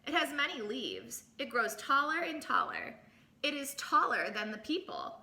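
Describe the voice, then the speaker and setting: A woman reading a storybook aloud to children in an expressive teacher's way, adding little asides, in an echoey room. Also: high-pitched, normal speed. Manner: animated, exclaims and comments on the story.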